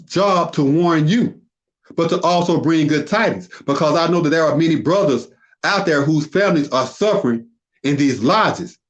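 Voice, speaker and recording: A man, a podcast guest, delivering an impassioned religious warning full of rhetorical questions and emphatic repetition. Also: a little high. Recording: dull lo-fi audio.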